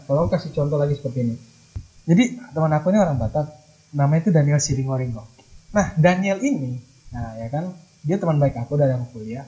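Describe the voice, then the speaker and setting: A man's voice: fairly high pitch, mellow, rough recording. A young man from Manado preaching a casual, slangy youth sermon in an online church service, mixing in English phrases. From Manado, Indonesia.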